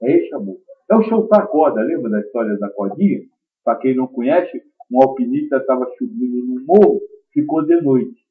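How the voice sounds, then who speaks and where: A man giving a spiritist teaching talk, emphatic and swinging between loud stresses and quiet asides. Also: medium pitch, expressive, normal speed. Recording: dull lo-fi recording.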